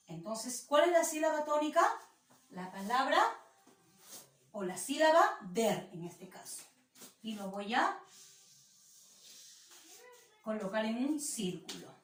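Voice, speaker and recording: Peruvian Spanish woman teacher, patient, slow on examples, slightly high, roomy far-off sound. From Peru. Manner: patient, explanatory, repeats example words slowly. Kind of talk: online class lesson. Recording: echoey room, voice from a distance.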